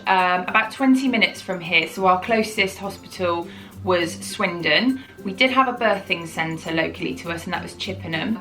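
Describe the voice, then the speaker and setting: A woman's voice: mid-range voice, sharp tone, low-quality recording. A woman, telling her own story to camera in a chatty, rambling way, often correcting herself. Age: 30s. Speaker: parenting vlogger.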